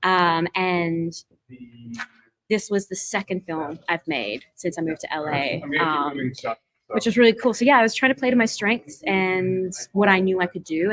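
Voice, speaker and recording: A woman's voice: fairly low pitch, fairly bright tone, poor audio. Chatty Australian woman filmmaker. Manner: chatty, lots of fillers and laughs. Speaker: filmmaker and voiceover actor. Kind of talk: casual interview.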